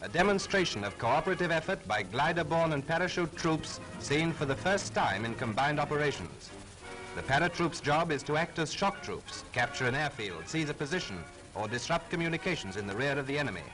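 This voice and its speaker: A man's voice: a little high, very animated, low-quality recording. A man giving formal, patriotic narration on a 1940s wartime newsreel soundtrack. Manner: brisk, formal, patriotic delivery. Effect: old newsreel soundtrack. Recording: old newsreel soundtrack over loud music.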